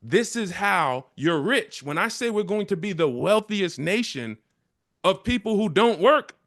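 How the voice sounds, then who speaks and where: A man's voice: sits high, expressive, a little slow, a bit bright. A man leading a community assembly, giving a motivational speech with emphatic, repetitive rallying lines. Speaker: community leader addressing an assembly.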